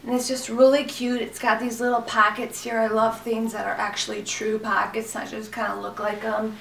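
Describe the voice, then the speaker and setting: A fashion vlogger in her thirties, hoarse from a cold, chats casually and gushes about clothes during a haul video, filling her speech with fillers. Her voice sits on the high side with a level tone and a moderate pace. A camera mic a few feet away picks her up in a small, echoey room with slight background noise.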